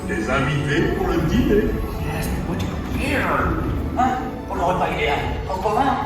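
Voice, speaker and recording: Excitable french cartoon rat, high voice swooping everywhere, loud music under it. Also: male voice. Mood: fussy, excited. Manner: theatrical, drawn-out exclamations.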